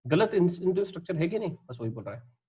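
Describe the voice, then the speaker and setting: भारत का एक पुरुष शिक्षक, जो परीक्षा की तैयारी के लिए लेक्चर देता है। वह बोलचाल के अंदाज़ में, जोश के साथ पढ़ाता है, ख़ुद से सवाल पूछता है और ख़ुद ही जवाब देता है।. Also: male voice, high voice, husky, phone-quality sound. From India. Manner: lively, conversational, asks and answers his own questions; reads English lines slowly. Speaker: teacher. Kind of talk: exam-prep lecture.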